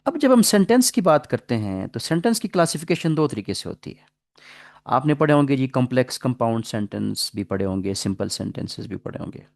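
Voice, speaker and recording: Lively male English teacher. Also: mid-range voice, creaky, no room sound. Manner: explains slowly, reads English example sentences slowly; asks the class questions and repeats answers. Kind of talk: classroom lecture.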